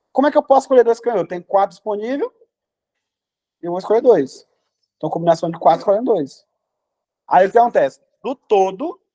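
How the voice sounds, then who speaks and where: A man's voice: sits high, warm tone. A man teaching a math class in a classroom, talking students through problems and asking them questions.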